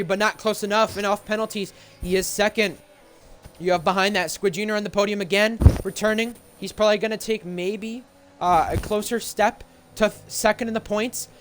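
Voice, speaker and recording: A man's voice: high voice, moderate pace, a bit bright, soft background music. A man commentating live on sim racing, calling the action play by play as a motorsport commentator.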